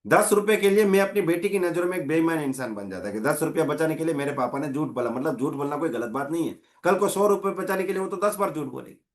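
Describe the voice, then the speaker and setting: A man giving a motivational training talk, an animated storyteller who swings his pitch up and down. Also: fast, few pauses. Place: training hall.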